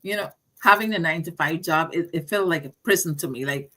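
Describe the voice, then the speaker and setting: A woman's voice: deep voice, brisk, a bit bright. A middle-aged woman from Guyana with a Guyanese accent, hosting a casual live-stream chat, talkative and given to repeating words. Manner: chatty, laughs often, repeats words. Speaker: host.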